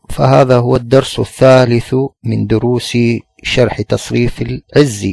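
A man teaching a formal lesson, reading a text and then explaining it in a measured way, slowing down on examples. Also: on the low side, vocal fry, a little mellow, husky, dry recording. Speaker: teacher of Arabic morphology.

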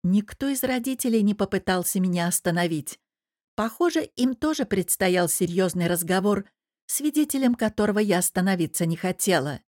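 Женщина читает аудиокнигу, сухая запись. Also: female voice, mid-range voice, animated, moderate pace, darkish tone, dry recording, clean studio sound. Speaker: audiobook narrator. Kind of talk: first-person audiobook narration.

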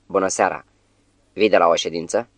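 A man's voice: deep voice, steady tone, dry recording. A man voicing an exultant young woman newly turned witch, staying close to his own reading voice.

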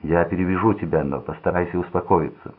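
A man voicing a tense young man who gives his injured brother curt, irritable orders, in a low, husky voice on a phone-like recording. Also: fast. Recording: tinny phone-like sound.

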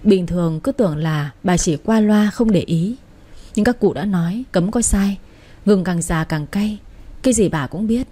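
A woman narrating a family drama story in a steady, even-paced reading. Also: mid-range voice, moderate pace.

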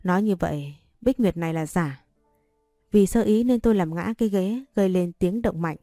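A woman narrating a romance story in the first person, steady and measured. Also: fairly low pitch, dry recording, clean studio sound, faint music behind. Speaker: audiobook narrator.

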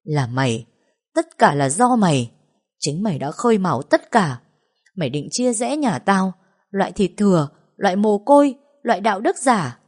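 A woman's voice: mid-range voice, sing-song, normal speed, darkish tone. A woman voicing a furious, tearful young pregnant woman who shrieks hateful curses in an audio story. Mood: hateful shrieking.

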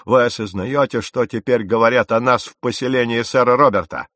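A man's voice: mid-range voice, moderate pace, no echo, studio quality, natural voice. A man voicing a stern, furious naval captain in an audiobook, sarcastic and commanding. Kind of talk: audiobook character reading.

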